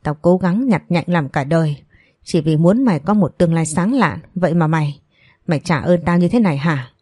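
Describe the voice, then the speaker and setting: A raging middle-aged mother hurls insults in a fairly low, dark voice, as a woman reads her lines in an audio story. The voice is dry and close, with no room sound. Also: moderate pace, slightly rough, dry recording. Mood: furious scolding. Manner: screaming insults, scolding. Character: furious middle-aged mother, shrill and abusive.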